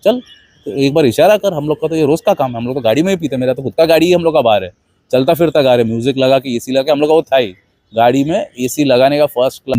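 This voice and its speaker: Host, male; mellow, dark tone, dry close sound, loose anecdotal storytelling. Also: mid-range voice, no room sound. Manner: rambling anecdotal, mixing Hindi with English words. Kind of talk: casual storytelling monologue.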